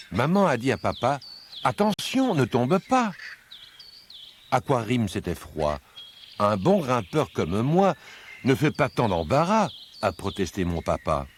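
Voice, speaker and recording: Slow, sing-song man reading rhymes. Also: medium pitch, sing-song, slight background noise. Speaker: storyteller. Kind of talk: rhyming children's story read aloud.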